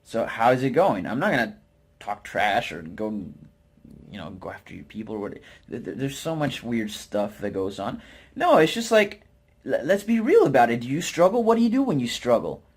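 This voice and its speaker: A man from Utah, United States, with an American accent talks in a medium-pitched, husky, sing-song voice at normal speed. A vlogger and network marketer, he speaks candidly to camera in a hesitant, self-deprecating, rambling style full of informal slang.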